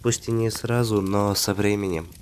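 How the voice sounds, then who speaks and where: A man plays a gentle half-vampire husband in an intimate ASMR role-play. His low voice stays very even and unhurried, with hesitant pauses as he tenderly addresses his beloved. Faint ambience sits behind him. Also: a little hiss or hum, lightly acted. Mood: calm, musing.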